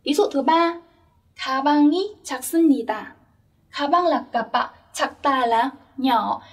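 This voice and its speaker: High-voiced young woman teaching grammar. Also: brisk, recorded from a distance. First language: Vietnamese. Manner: patient, checks in with listeners often. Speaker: Korean language teacher. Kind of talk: explaining grammar step by step.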